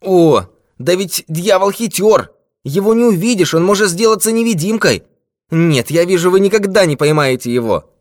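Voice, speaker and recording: A man's voice: sits high, lively intonation, moderate pace, voice pushed up. A man voicing a frail, paranoid old man who shrieks in panic. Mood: shrieking.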